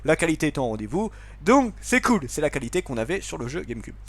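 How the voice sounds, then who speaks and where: A man's voice: on the high side, big pitch swings, fast talker, a bit bright, no echo. A man casually commenting on a video game he plays, chatty, apologetic and self-mocking. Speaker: let's play gamer.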